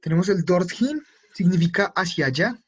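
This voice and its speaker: A man teaching a German class in a live online session patiently repeats each word pair and checks whether anyone has questions. His voice sits high, with lively intonation, a breathy edge, and normal speed, though the audio is muffled and lo-fi.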